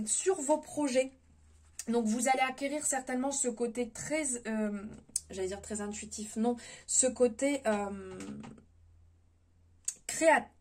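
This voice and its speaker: A woman giving a spontaneous spiritual tarot reading, gentle and advising, often hesitating and restarting her words. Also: on the high side. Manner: hesitant, many fillers and restarts. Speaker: tarot reader.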